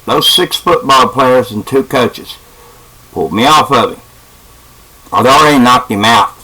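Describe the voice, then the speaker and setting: Man, 50s, casual halting storyteller, mid-range voice, webcam. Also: medium pitch, animated, sharp tone, a little hiss or hum, low-quality recording. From West Virginia. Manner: halting, with frequent uh fillers and restarts.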